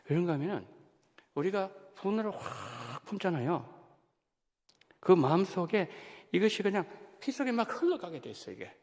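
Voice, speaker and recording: Korean man preaching with lively swings. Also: high voice, normal speed. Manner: animated preaching, rising and dropping sharply for emphasis. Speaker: senior pastor. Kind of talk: sermon. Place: church sanctuary. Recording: long hall reverb of a church.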